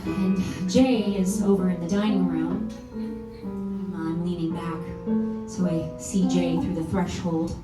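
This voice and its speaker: An actress playing a frank, wry singer-songwriter of about thirty back in her hometown, in a confessional stage monologue at a live reading. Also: medium pitch. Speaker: lead actor in a one-woman musical. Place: small performance venue. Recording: roomy venue from far off, faint instrument.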